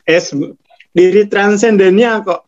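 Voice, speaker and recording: A high-voiced man with a Javanese accent talks slowly in a relaxed spiritual chat. He chuckles often and slips into the voice of a scolding inner self. The sound is dull and lo-fi. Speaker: spiritual teacher. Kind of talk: casual spiritual talk.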